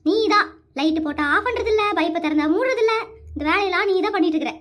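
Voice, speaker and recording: A woman's voice: very high voice, lively intonation, racing, soft background music. A woman voicing a fed-up scolding cartoon mom. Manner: scolding, sharp-tongued. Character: strict scolding mother, fed up.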